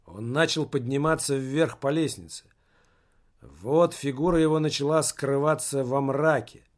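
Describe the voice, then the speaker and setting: A man narrating an audiobook in a slow, measured way. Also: mid-range voice. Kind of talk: audiobook reading.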